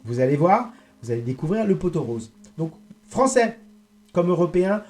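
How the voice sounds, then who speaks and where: Mellow-voiced man ranting at viewers. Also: fairly high pitch, sing-song, faint music behind. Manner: rambling, indignant, halting. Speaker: online political commentator. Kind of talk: monologue addressed to viewers.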